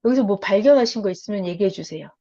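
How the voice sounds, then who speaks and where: Animated woman preaching over a video call. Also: mid-range voice, fast, highs cut off. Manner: animated, asks the audience questions. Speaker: Bible teacher. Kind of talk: online Bible study sermon.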